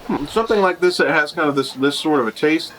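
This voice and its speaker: A man's voice: on the high side, lively intonation, fast, a bit bright. Rambling man reviewing snacks over background noise. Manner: rambling, thinking aloud. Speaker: food reviewer hosting a taste test. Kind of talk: casual chat, taste-test review. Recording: clearly noisy room ambience.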